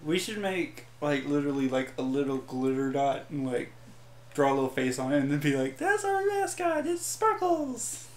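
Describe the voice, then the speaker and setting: A man's voice: mid-range voice, fairly even intonation, fairly quick, darkish tone, reverberant. A man teasing his friend and laughing in casual chat over a racing game. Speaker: co-player.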